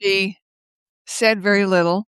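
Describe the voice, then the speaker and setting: Older woman telling lively stories with laughs. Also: medium pitch, unhurried, clean tone, no room sound. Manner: lively, laughs often, acts out quoted speech. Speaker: guest. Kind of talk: casual conversational storytelling. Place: home office. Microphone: video call.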